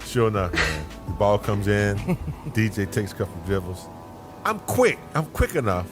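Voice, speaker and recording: A man who played pro basketball, telling a profane, animated story about guarding a rival. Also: lowish voice, normal speed, over music. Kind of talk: storytelling in an interview.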